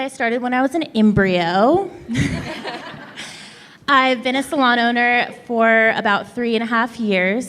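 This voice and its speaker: A salon owner speaking as a panel guest, effusive and grateful, a little emotional, on a handheld mic at a live event. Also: female voice, fairly high pitch, a bit bright. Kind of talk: panel introduction. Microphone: handheld microphone. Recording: reverberant hall with faint crowd noise.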